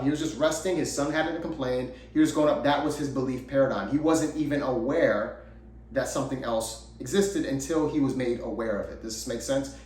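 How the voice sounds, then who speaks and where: A man's voice: medium pitch, darkish tone. A man who is an acting coach, giving a motivational video lesson in an emphatic style with repetitive lists. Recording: roomy, distant mic.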